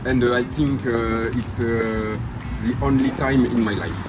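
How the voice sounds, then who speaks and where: A man with a French accent, native in French, queasy from a bad smell, giving casual reactions in halting, repetitive English. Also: medium pitch, fairly even intonation, over loud music. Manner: halting simple English, repeats phrases. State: queasy after a foul smell. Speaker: challenge participant.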